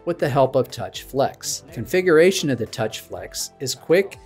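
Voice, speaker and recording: A man's voice: medium pitch, big pitch swings, moderate pace, a little mellow, faint music behind. Man presenting a product keynote. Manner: polished, promotional delivery. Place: studio stage with dark backdrop.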